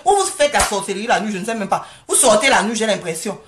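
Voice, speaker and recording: A woman ranting straight to camera from home, scolding and mocking her critics, often pausing to ask if they understand. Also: medium pitch, animated, slight background noise. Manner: confrontational, scolding, keeps asking "you understand?"; mocking and sarcastic. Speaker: vlogger answering critics. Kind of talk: angry rant straight to camera.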